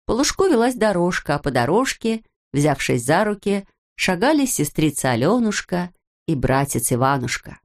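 A woman narrating a children's audiobook in an expressive, measured storytelling manner. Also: fairly low pitch.

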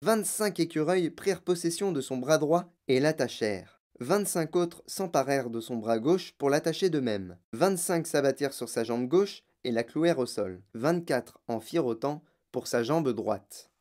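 A woman narrating a children's novel in an expressive storytelling way. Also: low voice, normal speed, hardly any pauses. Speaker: reader.

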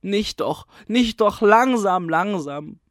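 A man reading a story, voicing a panicked male school head who shouts and pleads out of breath. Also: high voice, lively intonation, takes it slowly, no room sound, clean studio sound, pitched above the performer's own voice. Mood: desperate.

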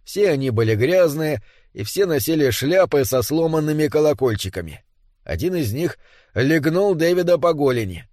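A man narrating a storybook in an expressive, measured manner. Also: on the high side, no echo, clean studio sound. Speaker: audiobook narrator.

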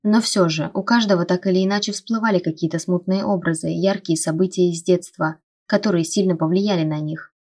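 A woman narrating a first-person fantasy audiobook in a steady storytelling read. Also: on the low side, a little fast.

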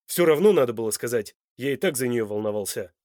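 A man's voice: medium pitch, expressive, quick pace, dry recording, studio quality, natural voice. A man voicing a hot-tempered, demanding son. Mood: angry. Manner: loud, sharp, demanding.

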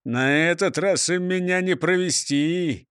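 A man's voice: high voice, unhurried, fairly bright tone, smooth, dry recording, studio quality. A man voicing a pompous, boastful police chief who talks down to everyone. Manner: pompous, mocking.

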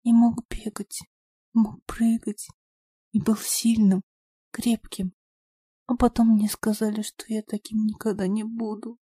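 A woman's voice: on the high side, little pitch movement, measured pace, dark tone, slightly rough, dry recording. A woman voicing a frail, sick little boy who speaks faintly, almost in a whisper.

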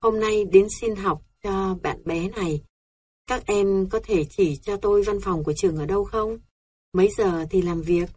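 A woman voicing a calm, firm older sister who comforts and admonishes her younger sibling. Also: medium pitch, normal speed, husky, no room sound, close to an everyday voice. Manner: soothing, admonishing.

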